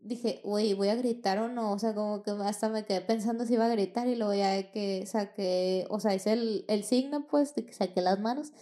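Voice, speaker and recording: A woman's voice: medium pitch, steady tone, normal speed, hardly any pauses, mellow. A young woman with a Mexican accent, telling a personal story in casual, slangy, profane chat and acting out the dialogue. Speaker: podcast host.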